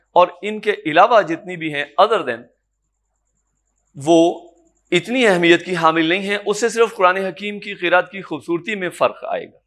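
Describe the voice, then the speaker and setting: A man teaching Quran recitation in a classroom lecture, explaining patiently, checking that students follow and chanting example words slowly. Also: sits high, a bit bright. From Pakistan. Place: lecture room in an academy.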